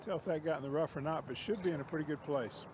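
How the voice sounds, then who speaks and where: Male on-course golf commentator, clipped practical delivery, clear outdoor noise around him. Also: fairly high pitch, racing. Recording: noisy outdoor course ambience.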